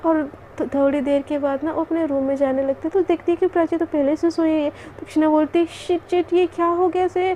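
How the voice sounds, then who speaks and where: A woman's voice: sits high, steady tone, fairly quick, hardly any pauses, dark tone, a little hiss or hum. A young woman telling a love story in a casual, rambling way, with many fillers. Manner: chatty, rambling, filler-laden narration.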